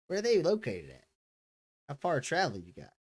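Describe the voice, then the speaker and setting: A man playing a folksy, world-weary, shrewd frontier character in a tabletop role-play, musing with pauses. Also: a little high, wildly swooping pitch, breathy edge, exaggerated voice. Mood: wry, probing. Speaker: tabletop role-play player or game master.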